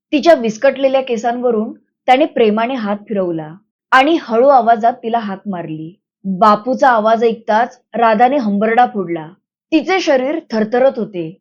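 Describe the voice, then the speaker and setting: A woman reading a novel aloud as an audiobook narrator, in an even, measured storytelling manner. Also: on the high side, highs cut off.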